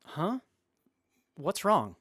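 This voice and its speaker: A man's voice: sits high, very animated, extremely slow, fairly bright tone, breathy edge, dry recording, studio quality, exaggerated voice. A man playing a precise, literal, helpful robot companion in an audio drama. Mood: concerned.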